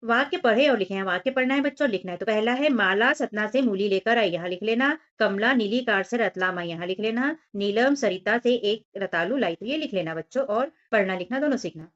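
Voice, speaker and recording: A woman teaching young children, stretching out syllables slowly and explaining everything in simple words. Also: mid-range voice, animated, highs cut off. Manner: slow, drawn-out syllable-by-syllable reading. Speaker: primary school teacher. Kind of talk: workbook lesson walkthrough for young children.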